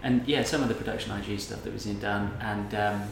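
Man, host, reflective rambling chat, low voice, echoey room recording. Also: steady tone, a little fast, vocal fry. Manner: rambling and reflective, many fillers. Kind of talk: casual chat. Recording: roomy echo, background noise.

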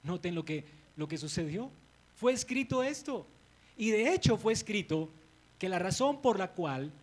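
High-pitched, animated preacher. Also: male voice, poor audio. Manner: animated, dramatizes biblical scenes. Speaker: pastor. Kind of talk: sermon.

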